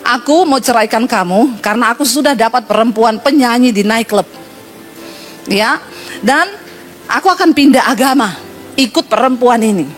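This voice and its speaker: A middle-aged woman pastor, preaching a sermon and acting out the voices of people in her stories with jokes for the congregation. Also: fairly high pitch. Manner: animated storytelling, acting out voices, joking with congregation.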